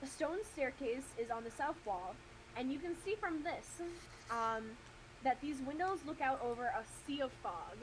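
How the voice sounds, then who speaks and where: Woman game master, high voice, casual and giggly, light background noise. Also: lively intonation, moderate pace, poor audio. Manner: laughing, casual, swears playfully. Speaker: dungeon master. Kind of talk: running a tabletop game.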